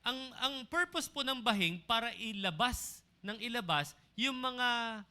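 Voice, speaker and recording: Bright high-voiced male pastor preaching. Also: expressive, a little slow. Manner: calls on the congregation for amens; mixes English phrases into his preaching. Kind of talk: sermon. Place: church service.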